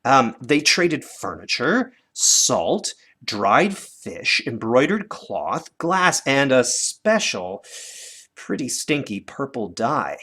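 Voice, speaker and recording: His voice is mid-range and slow, with big pitch swings, a sharp tone and a breathy edge. A North American teacher, he shows children something hands-on at a desk indoors, filmed from above, and keeps it conversational by prompting them with questions.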